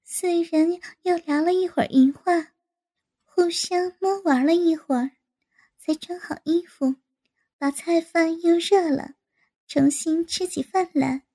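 A woman narrating a story at an unhurried pace. Her voice is high and mellow. She reads evenly and plainly. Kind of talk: slow storytelling reading.

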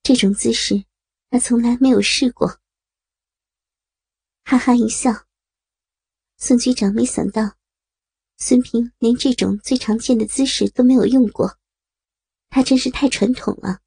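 A woman narrating an audio story with slow, steady reading. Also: a little high, gravelly, husky, dry recording.

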